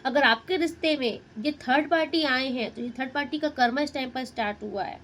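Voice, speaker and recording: Tarot reader, woman, high voice, muses over each card out loud. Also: brisk, slight background noise, rough recording. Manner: Hindi-English mix, addresses viewer directly, muses over cards. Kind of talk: tarot reading.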